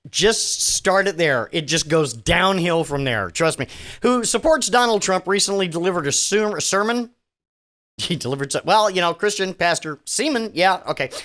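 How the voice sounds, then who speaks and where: A man's voice: high-pitched, fairly bright tone. A man hosting a podcast, giving sardonic, profane commentary on news items with frequent stumbles and restarts. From Virginia. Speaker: podcast host. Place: home studio.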